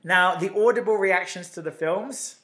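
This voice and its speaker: Animated man co-hosting with a slight cough. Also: high-pitched, normal speed. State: lingering cough. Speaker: podcast co-host. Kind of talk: casual chat, reading posts aloud.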